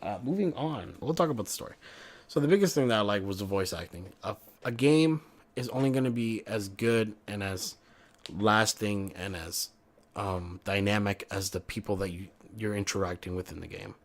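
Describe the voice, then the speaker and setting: A young man talks through a game review in a loose, rambling way. His voice sits a bit low, and he swears freely. He keeps stopping to correct himself mid-sentence. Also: moderate pace. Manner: rambling, profane, self-correcting.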